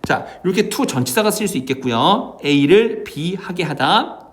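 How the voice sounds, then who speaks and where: A man's voice: high voice, unhurried. A man teaching English vocabulary in an exam prep lecture, checking in with his students again and again as he explains. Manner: lively, asks students constant check-in questions.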